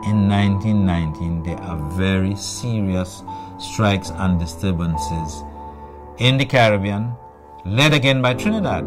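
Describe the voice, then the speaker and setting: A man speaking in a documentary interview, telling history in a deliberate, emphatic way. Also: sits low.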